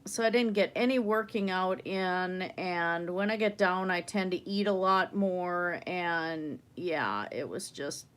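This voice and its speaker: A woman with a slightly wheezy breath, chatting casually as she hosts an art livestream. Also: on the low side. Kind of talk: casual chat while painting.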